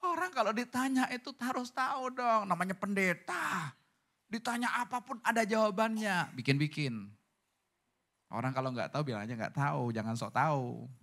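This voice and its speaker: A male pastor delivers a sermon in a loose, conversational way. His voice is bright and sharp, and he jokes and tosses rhetorical questions at the congregation. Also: high-pitched, animated, moderate pace. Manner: casual, joking, asks the crowd rhetorical questions.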